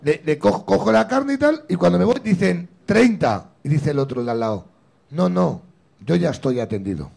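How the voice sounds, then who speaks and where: A middle-aged man from Spain hosting a comedy show, telling a story with a gravelly, husky voice and acting out both sides. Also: on the high side, big pitch swings, moderate pace, a little mellow. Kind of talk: stand-up style storytelling.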